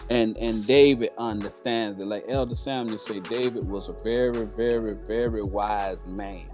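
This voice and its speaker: A man hosting a Bible study show, talking in a relaxed, conversational way and speaking to his listeners as "y'all.". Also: on the low side, moderate pace, over music. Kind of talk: casual Bible study discussion.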